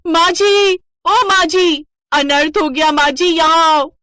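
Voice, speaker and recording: A woman doing a high, melodramatic young daughter-in-law. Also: normal speed, a bit bright, dry recording, studio quality, close to an everyday voice. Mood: wailing. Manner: pleading, melodramatic. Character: dramatic, naive young daughter-in-law, tearful.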